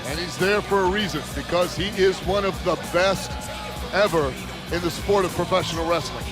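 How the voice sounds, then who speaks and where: A man's voice: high voice, moderate pace. A man working as a wrestling color commentator, giving emphatic live analysis and reactions. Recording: loud arena crowd and music behind. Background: loud crowd and music.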